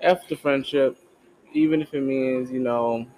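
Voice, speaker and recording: A man's voice: mid-range voice, fairly even intonation, unhurried, noisy background. A young man hosting a podcast in laid-back, slangy casual chat, tossing in "bro" often. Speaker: podcast host.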